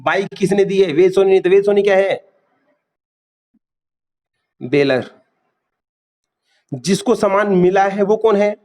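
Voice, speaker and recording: A man's voice: high-pitched, a little mellow. A man teaching a class, quizzing students and repeating key terms. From India. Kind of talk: classroom lecture.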